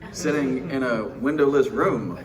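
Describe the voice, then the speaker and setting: A middle-aged American man from Houston, Texas delivers an informal, wry keynote speech in an unhurried, medium-pitched voice. He's in a windowless indoor conference room with crowd noise around him. The distant mic picks up faint noise and room ambience.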